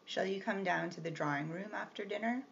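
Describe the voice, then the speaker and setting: A woman reading the part of a brusque, teasing gentleman employer with a gruff, commanding manner. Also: high voice, fairly quick. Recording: slightly muffled with faint hiss.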